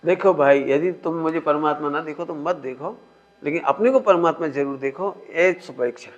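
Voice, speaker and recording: A man's voice: fairly high pitch, normal speed, slight background noise. A man teaching a spiritual discourse in a conversational way, often asking his listeners questions. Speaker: religious teacher. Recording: muffled lo-fi recording.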